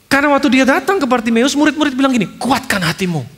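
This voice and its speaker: A male pastor preaching a sermon in an animated storytelling way, tossing in English phrases and humorous asides. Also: very high voice, racing, in a large hall, noisy background.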